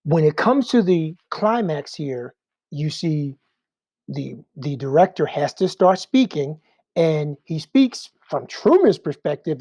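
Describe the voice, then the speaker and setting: Warm-voiced man teaching Bible class. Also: fairly high pitch, dry recording. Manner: conversational, rhetorical questions. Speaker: Sunday school teacher.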